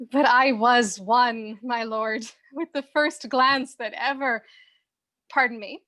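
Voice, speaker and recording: A woman's voice: fairly high pitch, fairly bright tone. An actress playing a witty young woman in love, flustered and laughing between lines of stage verse.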